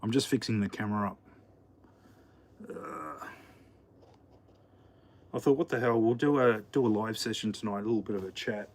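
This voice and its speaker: An Australian man livestreams from his home kitchen, chatting to viewers as he cooks. His voice is on the low side and creaky, at normal speed, and he pauses often and rambles with many fillers and restarts over background noise.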